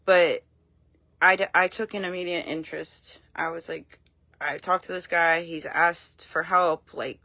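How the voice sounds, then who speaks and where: A woman talking casually on a live stream, frank and blunt, telling her story in an animated way and acting out what people said. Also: on the low side, a little slow, dry recording. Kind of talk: casual talk to camera.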